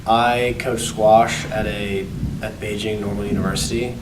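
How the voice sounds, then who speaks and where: A man's voice: on the low side, flat delivery, measured pace. A young man, a college student who coaches squash, speaking plainly in an interview. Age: young adult. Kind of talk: casual interview. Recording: distant, roomy, loud noise.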